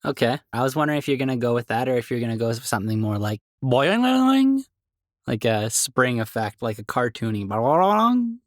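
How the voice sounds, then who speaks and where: Mid-pitched man, jokey podcast host, dry close mic. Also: sing-song, moderate pace, dry recording. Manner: playful, upbeat, jokey. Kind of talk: casual chat.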